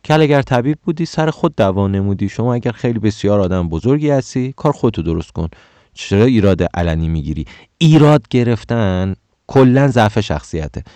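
A man's voice: fairly low pitch, lively intonation, mellow, no echo. A man giving career advice in a casual monologue. He gets heated, stammers, corrects himself, and rises sharply when indignant. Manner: many stammers and self-corrections.

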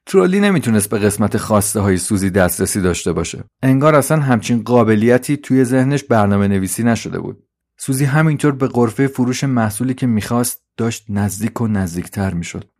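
A man giving a calm, measured scripted story narration. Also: lowish voice.

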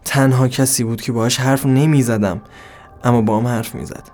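A man narrating an introspective dramatic monologue in a brooding, halting, bitter way. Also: medium pitch, fairly even intonation, darkish tone.

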